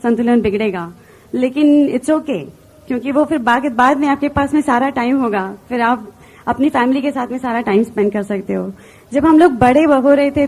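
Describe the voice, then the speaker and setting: Woman from India, high voice, business seminar speaker, earnest storytelling, mixes in English words. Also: darkish tone. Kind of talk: motivational stage talk.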